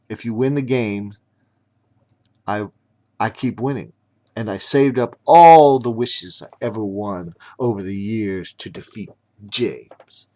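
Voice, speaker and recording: A man voicing a boastful sixteen-year-old boy villain who runs deadly games, in a storybook reading. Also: lowish voice. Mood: bitter. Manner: bragging, resentful monologue.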